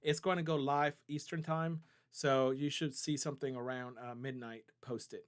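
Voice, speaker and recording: A man's voice: mid-range voice, fairly even intonation, moderate pace, smooth. A man hosting a live stream, answering viewers' chat questions in a loose, conversational way, often checking in with "right?" and "okay?". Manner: loose, with many fillers and restarts. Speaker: trading company CEO hosting a live stream.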